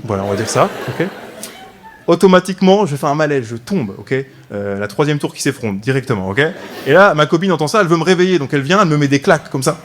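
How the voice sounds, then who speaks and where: A man's voice: mid-range voice, background noise. A man in his twenties performing a stand-up comedy routine, telling a story with frequent "ok?" asides to the audience. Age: 20s. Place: comedy stage before a live audience.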